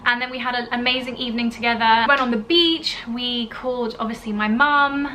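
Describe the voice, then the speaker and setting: A young woman, born in Italy and raised in the UK, vlogs a personal storytime to camera in a chatty, gushing style full of fillers like "you know". Her fairly high, bright voice is forceful and brisk with fairly even intonation, over a little hiss or hum.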